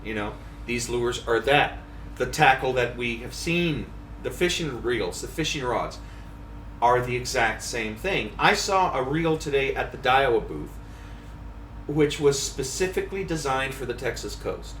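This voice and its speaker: A man's voice: medium pitch, animated, a little slow, fairly bright tone, recorded from a distance, slight background noise. A man hosting a casual chat about fishing tackle at a trade show, thoughtful and full of ums and restarts. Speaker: podcast host, fishing editor. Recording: roomy, off-mic, faint hall ambience.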